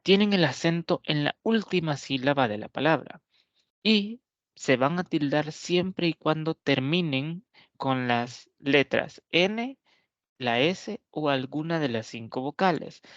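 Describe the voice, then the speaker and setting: A male teacher giving an explanatory grammar lesson, asking rhetorical questions, answering them himself, and saying example words slowly. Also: fairly high pitch, expressive, fairly bright tone, no echo. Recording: dull lo-fi dry recording.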